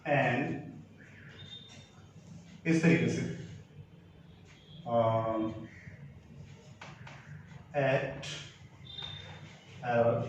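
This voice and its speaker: A man teaching English grammar in a lesson, explaining step by step and spelling out letters and words slowly. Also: on the high side, slight background noise. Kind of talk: classroom-style grammar lesson. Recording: very echoey room, voice from far off the mic.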